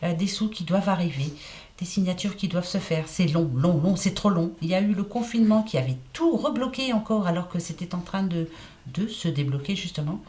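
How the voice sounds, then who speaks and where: A woman's voice: lowish voice, expressive, brisk, darkish tone. A woman giving casual card-reading guidance, chatty and repetitive, with a slight lisp. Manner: chatty, repeats herself, fillers like hein and voilà. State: lisping slightly. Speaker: oracle card reader.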